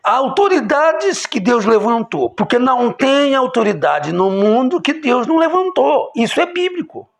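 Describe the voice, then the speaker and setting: Gravelly, animated preacher man. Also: unhurried, few pauses. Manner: emphatic, swinging from loud exclamations to low quiet lines. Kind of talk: impassioned religious sermon.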